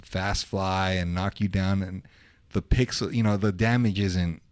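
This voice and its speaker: A man's voice: low voice, steady tone, measured pace, no echo. A man hosting a podcast, chatting casually and loosely with lots of slang and filler words. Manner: laid-back, slangy, with lots of "like", "dude" and "bro". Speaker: podcast host. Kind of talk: casual interview chat. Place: podcast studio.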